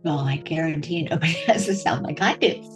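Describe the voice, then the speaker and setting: A woman's voice: deep voice, fairly quick, music in the background. A woman, the host's mother, chatting casually and easily as she watches a game. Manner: easygoing, laughs often. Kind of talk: casual chat.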